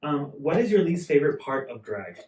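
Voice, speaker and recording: A man's voice: fairly high pitch, big pitch swings, brisk, a little mellow. A man asking questions and chatting casually as an interviewer. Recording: echoey room, distant mic, faint noise.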